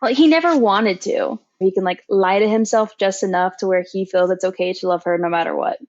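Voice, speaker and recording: A woman's voice: medium pitch, brisk, a little mellow, lo-fi sound. Earnest woman on a film podcast. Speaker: podcast panelist. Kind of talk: casual film discussion.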